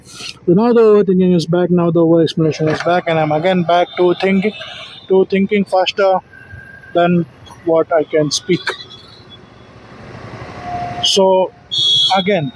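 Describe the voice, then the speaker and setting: A man with a high voice talks slowly through a rambling solo vlog, stumbling over his words and correcting himself as he goes. He sounds tired and keeps making self-deprecating asides. A faint hum sits under the recording. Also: poor audio. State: yawning, tired. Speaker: vlogger.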